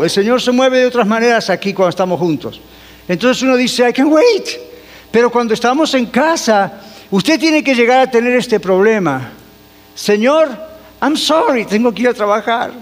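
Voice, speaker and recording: A man's voice: sits high, long reverb tail. A man preaching a sermon as pastor, asking the congregation questions and answering them himself, and dropping in English phrases.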